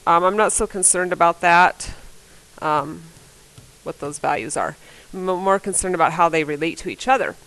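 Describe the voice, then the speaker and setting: A woman's voice: lowish voice, normal speed, a bit bright, poor audio. A woman teacher with a cold, working through math problems on a board in a casual, think-aloud way and correcting herself as she goes. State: fighting a cold. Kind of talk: recorded classroom lesson, working problems on a board.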